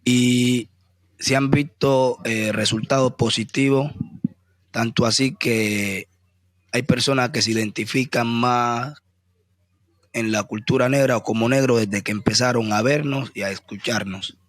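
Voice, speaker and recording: A man with a Colombian accent speaks as a musician in an interview. His delivery is measured, with pauses between phrases, and his mid-pitched voice sounds close and dry. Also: fairly even intonation, dry recording. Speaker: musician, group member being interviewed. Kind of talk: interview answers.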